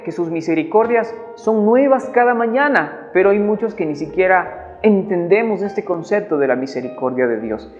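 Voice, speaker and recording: A man from Ecuador giving a devotional sermon, earnest and halting, often repeating words as he goes. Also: high-pitched. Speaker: preacher. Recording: dull recording in a reverberant hall, soft music behind.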